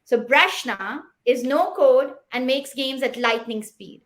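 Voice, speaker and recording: This upbeat startup pitch, peppered with rhetorical questions and clearly rehearsed, comes from a woman in her thirties from Pakistan who grew up speaking Pashto. Her delivery is slow, with a slightly bright quality.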